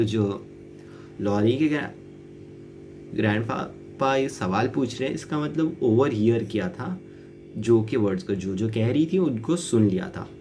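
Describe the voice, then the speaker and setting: A man's voice: medium pitch, dark tone. A man teaching an English novel, reading lines aloud and explaining them word by word in mixed Hindi and English. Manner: reads each English line slowly, then explains it in mixed Hindi and English. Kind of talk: explaining a novel passage line by line.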